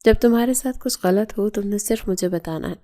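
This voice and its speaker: A firm young husband from a bedtime storybook, read out by a woman narrator in her own mellow tone. He speaks plainly and steadily, with a warm, soft timbre. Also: mid-range voice, close to an everyday voice. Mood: gentle. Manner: firm, then gentle. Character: young man, stern husband who softens.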